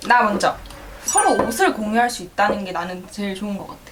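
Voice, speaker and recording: A woman's voice: medium pitch, lively intonation, quick pace, fairly bright tone. A young woman chatting casually with her sisters, telling stories and acting out what people said. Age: young adult. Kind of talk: casual chat between sisters. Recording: clear background noise.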